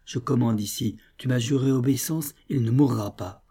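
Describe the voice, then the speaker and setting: A man's voice: medium pitch, moderate pace, warm tone, husky. Man voicing a proud, anguished rebel woman commander. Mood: commanding. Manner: fierce, commanding, then tearful.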